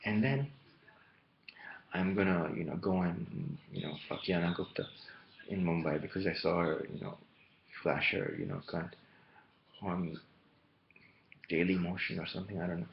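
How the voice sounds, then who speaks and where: A man's voice: sits low, fairly even intonation, moderate pace, creaky, pauses often. A man talking to camera in a rambling solo monologue, wandering from one topic to the next, on a muffled lo-fi recording with faint hiss. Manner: meandering, jumping between topics. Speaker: vlogger.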